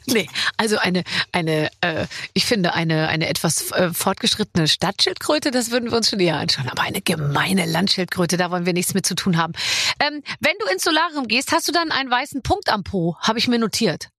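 A woman's voice: medium pitch, lively intonation, fairly quick, a bit bright, dry recording, studio quality. A middle-aged woman hosting a podcast in casual, joking chat. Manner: chatty, joking, laughs often. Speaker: podcast host.

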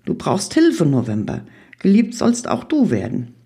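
A woman reading aloud and voicing September as a gentle, friendly male figure who speaks softly and consolingly. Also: on the low side, huge pitch swings, a little slow, gravelly, slightly rough, pitched above the performer's own voice, heavily acted. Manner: soft and consoling.

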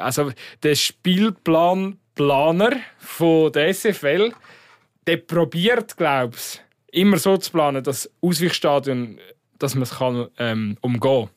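A man's voice: on the high side, dry recording, clean studio sound. A man with a Swiss accent in a casual, rambling, colloquial chat about football, as a podcast host.

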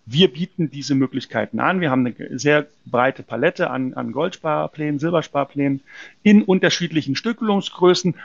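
A man's voice: fairly high pitch, normal speed, vocal fry, no room sound, highs cut off. A man from a precious metals company answering interview questions in an explanatory way, often hesitating with fillers and restarts.

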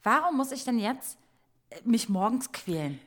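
A woman's voice: a little high, moderate pace. Laughing woman telling stories casually. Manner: lively, self-mocking storytelling with frequent laughter. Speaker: podcast co-host. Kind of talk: casual chat.

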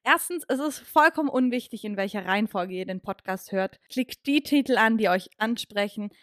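A woman co-hosting a comedy audio-drama skit, excitable and dramatic. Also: mid-range voice, moderate pace, no room sound, clean studio sound. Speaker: co-host.

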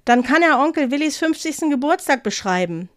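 A woman's voice: high voice, lively intonation, brisk, a bit bright, voice pushed up. A cheeky teenage girl read by a woman. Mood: teasing.

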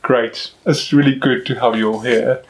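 A man hosting a casual round-table podcast chat, talking in a relaxed, thoughtful way. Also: mid-range voice, moderate pace. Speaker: podcast host.

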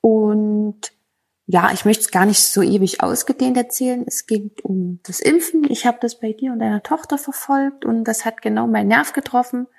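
Woman with a strongly creaky voice. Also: fairly high pitch, a little fast, few pauses. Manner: chatty, detailed storytelling. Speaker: mother of a young son. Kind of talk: casual voice message.

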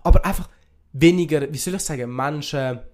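A young adult man from Switzerland speaks with a Swiss accent in a fairly high male voice, brisk and a little mellow. He chats casually, sprinkling in youthful slang and English phrases like a podcast co-host talking with a friend.

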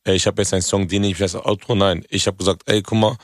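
A young man, a rapper guest in a radio studio, telling an animated story in slangy street talk. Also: deep voice, fast, dry recording. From Germany. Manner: slangy street talk, swears oaths, addresses listener as "Junge". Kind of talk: animated storytelling in a casual interview.

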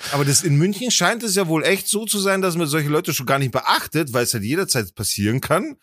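A man's voice: fairly high pitch, a little fast, no echo, studio quality. A man telling a story on a casual podcast, acting out the people in it with big jumps in his voice. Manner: animated, acts out quotes with big voice jumps. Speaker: podcast host.

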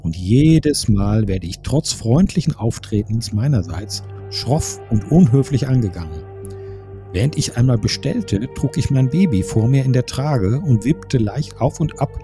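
A man's voice: mid-range voice, warm tone. A man co-hosting a podcast, making dry, wry remarks and reading reviews aloud. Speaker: podcast co-host. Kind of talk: casual chat, reading out reviews.

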